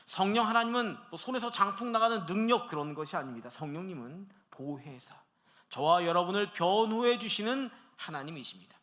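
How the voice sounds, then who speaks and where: A middle-aged man preaching a sermon as pastor, acting out everyday dialogue with animated delivery in a church. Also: high-pitched, a little fast, few pauses. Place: church sanctuary.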